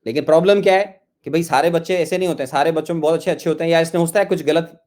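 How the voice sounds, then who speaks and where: Exasperated Indian chemistry teacher scolding students. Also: male voice, fairly high pitch, fairly even intonation, racing, a little mellow. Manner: scolding, exasperated, repeats insults. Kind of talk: live online class, scolding students over chat.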